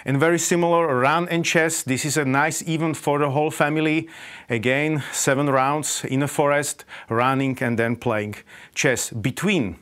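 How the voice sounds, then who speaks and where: Halting Slovak man presenting. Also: on the high side, steady tone, a bit bright, smooth. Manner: halting, many fillers. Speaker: chess organizer presenter. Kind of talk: conference presentation.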